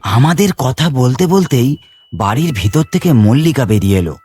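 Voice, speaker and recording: A man's voice: mid-range voice, very animated, normal speed, mellow, breathy edge, no echo. A young man narrating his story and voicing its lead in a cartoon, earnest and hurt.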